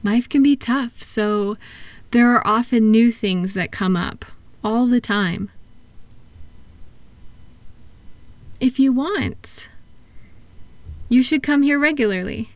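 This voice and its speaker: Warm and encouraging, a woman plays a kind therapist helping a client quiet their thoughts in a soft-spoken relaxation roleplay meant for sleep. Her gentle, unhurried, reassuring voice sits on the high side, captured in a dry recording.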